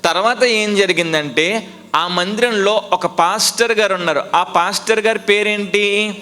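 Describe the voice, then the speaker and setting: A male pastor preaches with a high, bright voice. He drives the sermon with emphatic repetition, rhetorical questions and call-and-response. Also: measured pace.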